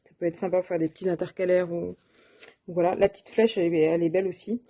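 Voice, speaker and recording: A woman's voice: lowish voice, flat delivery, fast talker, mellow. Hesitant woman showing a craft haul. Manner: hesitant, many fillers and self-corrections. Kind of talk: casual show-and-tell.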